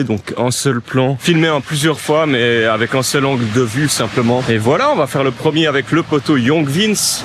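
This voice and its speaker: A man's voice: mid-range voice, a little hiss or hum. A young man vlogging as a music producer, chatting casually to the camera with lots of fillers. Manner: relaxed, chatty, with frequent fillers. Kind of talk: casual vlog talk to camera.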